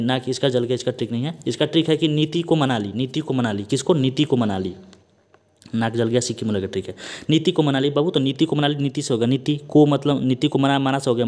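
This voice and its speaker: A man's voice: medium pitch, darkish tone. A man teaching an online exam-prep class in a chatty way, checking in with his students over and over and calling them by a pet name. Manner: chatty, keeps asking "ठीक ना?" and calls students "Babu".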